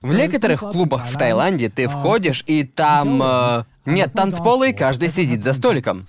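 High-pitched, lively man chatting on a podcast. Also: moderate pace, a crowd in the background. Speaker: podcast co-host. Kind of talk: casual podcast chat.

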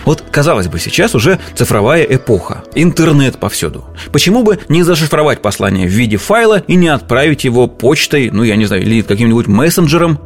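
A man's voice: medium pitch, very animated, a little fast, hardly any pauses. Conversational man explaining over music. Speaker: presenter. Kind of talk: informal explainer narration.

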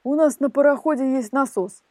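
A woman's voice: sits high, fairly quick, warm tone, no echo, voice pushed up, lightly acted. Woman reading a teasing old fisherman. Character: good-natured mocking old fisherman.

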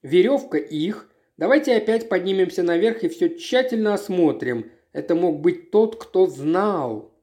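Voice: mid-range voice, lively intonation, unhurried, mellow, close to an everyday voice. A reader voicing a condescending prosecutor. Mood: businesslike. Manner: condescending, offhand. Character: condescending male county prosecutor.

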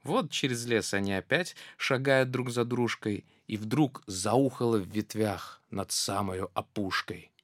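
A storyteller reading a children's verse tale aloud in a rhythmic, expressive way. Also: medium pitch, unhurried, hardly any pauses, no echo, clean studio sound.

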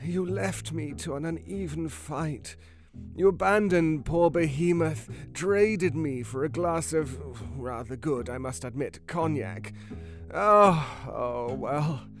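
A man's voice: fairly high pitch, a little mellow, full character voice. Behemoth, a man doing a melodramatic cat. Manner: melodramatic, grandly self-pitying.

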